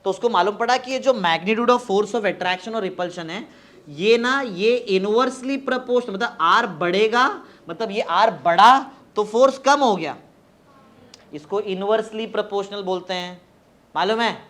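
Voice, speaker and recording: Man teaching physics, drawn-out chanting. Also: high voice, fairly bright tone. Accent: Indian, Marathi-region Hindi. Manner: coaxing students to repeat definitions aloud, drawn-out chanting. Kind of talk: classroom physics lecture.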